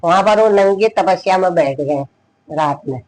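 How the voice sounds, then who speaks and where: A man's voice: sits high, moderate pace, darkish tone, low-quality recording. A man with a Kumaoni accent telling a true story in a rambling, repetitive way. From Uttarakhand, India. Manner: rambling, repeats "he said" often. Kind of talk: casual oral storytelling.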